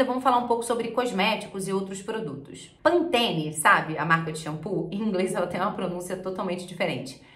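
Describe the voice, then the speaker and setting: A woman from Brazil teaching English pronunciation, repeating each word slowly and clearly. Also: mid-range voice, reverberant. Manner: repeats words slowly and clearly, lively explaining. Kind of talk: pronunciation lesson.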